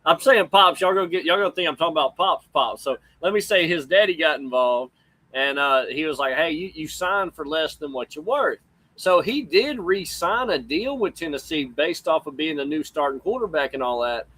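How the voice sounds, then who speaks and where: A man's voice: fairly high pitch, lively intonation, a little fast, bright, forceful tone, no echo. A man with a folksy drawl, casually chatting about sports as a co-host.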